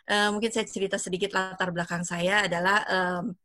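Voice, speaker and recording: A woman's voice: medium pitch, flat delivery, brisk, sharp tone, dry recording. A woman in her fifties opens an online business meeting over a video call. Her voice sits in a middle range and sounds dry and close. She talks with frequent fillers and small laughs. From Indonesia. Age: 50s. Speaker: event host and emcee.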